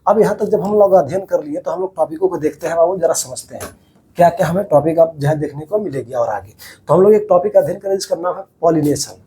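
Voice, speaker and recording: A man's voice: a little high, quick pace, mellow. A man teaching a biology class over diagrams, repeating each key term as a question to his students and calling them "babu".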